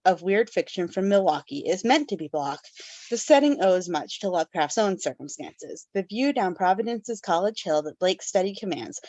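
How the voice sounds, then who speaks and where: A woman hosting a casual book podcast, her voice sitting at an ordinary middle pitch. She reads background notes, then drifts into loose chat full of fillers. The room sounds close and dry. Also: a little mellow, no echo. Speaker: podcast host.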